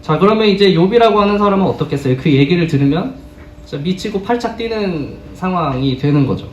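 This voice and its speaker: A man's voice: high voice, animated, a little fast, dull audio. A man preaching a sermon to a congregation, earnest, putting rhetorical questions to his listeners. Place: church sanctuary. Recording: roomy, distant, faint background noise.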